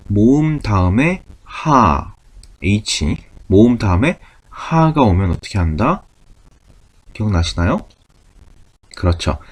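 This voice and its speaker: A man's voice: lowish voice, a little mellow, breathy edge. A man teaching a beginner German lesson, explaining patiently step by step.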